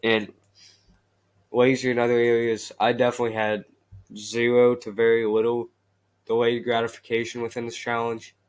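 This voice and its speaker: A young man vlogging about self-improvement, talking in a deliberately monotone way with halting restarts. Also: medium pitch, clean tone. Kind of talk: casual self-improvement vlog.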